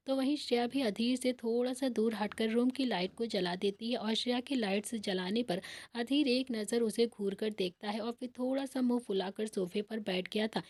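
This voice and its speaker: A woman host narrating a serialized family story in a steady, soft-spoken reading. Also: a little high, no room sound.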